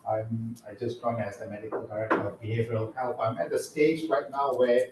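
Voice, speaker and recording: A man who grew up in Malaysia, speaking as a county medical director at a public board meeting in a relaxed, chatty way with light self-deprecating humor. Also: mid-range voice, a little fast, heavy background noise. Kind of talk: informal introductory remarks at a public board meeting. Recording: echoey meeting room, mic at a distance.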